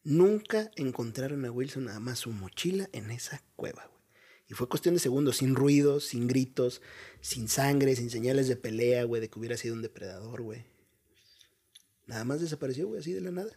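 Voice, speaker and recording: A man with a Mexican accent in casual conversation, telling a mystery story in a lively way, full of slang and rhetorical questions. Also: medium pitch, brisk, breathy edge. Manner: animated, drops "güey" constantly, rhetorical questions.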